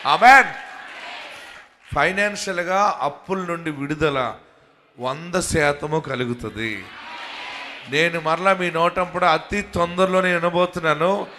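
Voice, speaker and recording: Telugu pastor preaching, brightish highish voice, goes soft then shouts out loud. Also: male voice, a little hiss or hum. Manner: swings between quiet intimate talk and loud fervent shouting; calls the congregation to say hallelujah. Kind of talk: Telugu sermon with prayer and promises.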